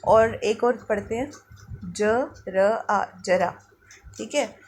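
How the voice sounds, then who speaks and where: A woman teaching young pupils through a worksheet, reading words slowly syllable by syllable and asking the class questions that she answers herself. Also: medium pitch, steady tone, slightly rough. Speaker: primary school teacher. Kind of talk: worksheet lesson for children.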